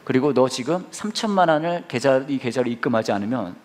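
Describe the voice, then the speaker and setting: A man voicing a threatening male phone scammer, slow and menacing. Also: medium pitch, animated, lightly acted.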